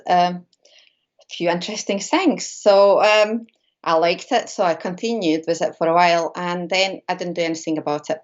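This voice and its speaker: Speaking over a video call with a lo-fi sound, a Latvian woman whose native language is Latvian discusses mediumship as a guest in a casual interview. Her pitch is fairly low. She is a medium and shamanic practitioner, and her speech is halting, packed with fillers and false starts.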